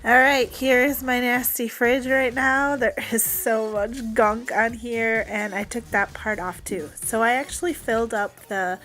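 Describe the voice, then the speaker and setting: A woman's voice: on the high side, steady tone, unhurried, few pauses, a bit bright, faint music behind. Upbeat woman vlogger with a worn voice. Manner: upbeat, chatty, addresses viewers directly. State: voice partly lost. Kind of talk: casual cleaning vlog.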